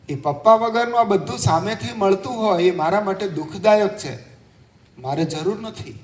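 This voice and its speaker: A man with a high voice, preaching as a monk. He tells a parable in a storytelling sermon and briefly acts out a child's and a father's lines. His voice rings through an echoey, roomy space.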